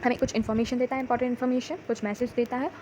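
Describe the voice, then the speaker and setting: A woman's voice: a little high, level tone, darkish tone, low-quality recording. A woman teacher with an Indian accent, working through a textbook exercise and drilling words aloud for children. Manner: explains each word slowly, reads English lines aloud and drills them. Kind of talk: textbook exercise lesson, Hindi mixed with English. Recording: faint background noise.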